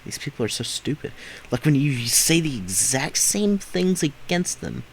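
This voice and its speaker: A man's voice: a little high, big pitch swings, normal speed, slight background noise, rough recording. A man hosting a reaction video, talking back at clips in indignant, emphatic rants. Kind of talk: reaction commentary.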